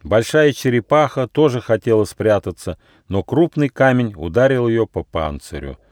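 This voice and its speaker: A man reading his own fairy tale aloud as an audiobook, with expressive storytelling. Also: mid-range voice, normal speed, dry recording, clean studio sound.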